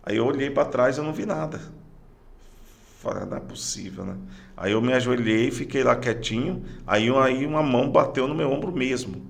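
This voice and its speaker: Gravelly middle-aged Brazilian man, halting. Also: medium pitch. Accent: Brazilian Portuguese. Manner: halting, repeats words and restarts phrases. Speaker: podcast guest, police sergeant. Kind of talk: personal testimony in casual conversation.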